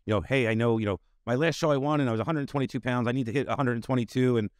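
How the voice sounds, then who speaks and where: A man's voice: mid-range voice, rapid-fire, no echo, studio quality. A middle-aged man hosting a podcast interview over a video call, talking casually and padding his sentences with "you know". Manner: rambling, full of "you know" fillers. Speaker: podcast host. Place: home studio with bookshelves. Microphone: desk mic on video call.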